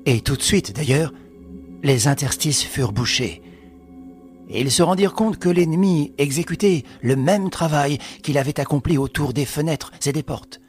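A man's voice: a little high, expressive, moderate pace, a little mellow, faint music behind. A man reading a novel aloud in a dramatic audiobook style, lifting his voice with the action. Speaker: narrator.

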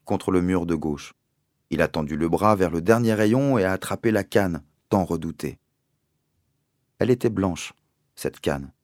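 A man with a very low, deep voice reads a story aloud. He tells it at a measured, deliberate pace, letting the words land. The recording is dry and close, with no room sound. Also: a little mellow, no echo. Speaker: narrator. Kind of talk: audiobook reading.

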